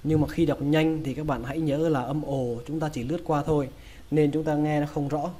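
Male teacher with a Vietnamese accent, slightly high and mellow, patient drilling delivery. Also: fairly even intonation. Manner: repeats each word slowly, breaking it into sounds. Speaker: English pronunciation teacher. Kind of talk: slow, drilled pronunciation lesson.

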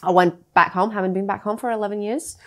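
A woman's voice: medium pitch, steady tone, fast, fairly bright tone. Chatty Latvian-born woman, laughing often. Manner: chatty, laughs often, many fillers and restarts. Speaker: guest, freelance graphic designer. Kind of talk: casual interview chat. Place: London podcast studio.

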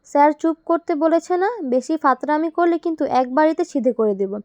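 A woman's voice: high-pitched, brisk, warm tone, no room sound, lightly acted. A woman doing a scolding policewoman. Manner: scolding, threatening. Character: stern, hot-tempered female police officer. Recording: dull lo-fi, dry.

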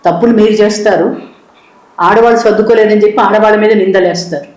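An actress playing a woman from a charity who lectures a husband in a stern, measured way. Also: mid-range voice, fairly even intonation, a little mellow, natural voice. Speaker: social worker. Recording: echoey room.

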